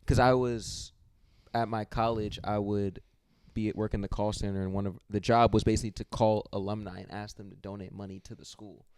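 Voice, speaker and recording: A man's voice: on the low side, fairly even intonation, a little fast, hardly any pauses, darkish tone, clear, resonant tone, no echo. A man hosting a podcast, chatting loosely, swearing often and laughing easily. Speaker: podcast host. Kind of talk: casual chat.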